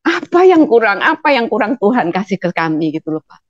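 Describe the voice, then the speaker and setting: A woman's voice: mid-range voice, sing-song, a little fast, dry recording. A middle-aged woman gives an emotional personal testimony, often laughing as she talks. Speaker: guest. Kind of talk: testimony interview. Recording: dull, dry sound.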